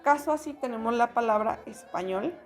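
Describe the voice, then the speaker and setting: A woman's voice: a little high, expressive, moderate pace, faint music behind. Woman teaching. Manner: patient explaining, many fillers. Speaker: French teacher. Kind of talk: spoken lesson.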